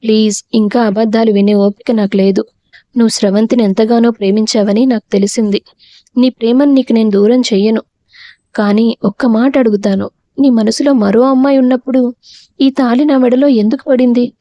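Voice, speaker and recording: A reproachful young village wife, hurt and bitter, voiced by a woman reading the story. Her tone is fairly high yet mellow, close to the mic with no room sound, on a slightly dull recording. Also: steady tone, normal speed, no echo, natural voice.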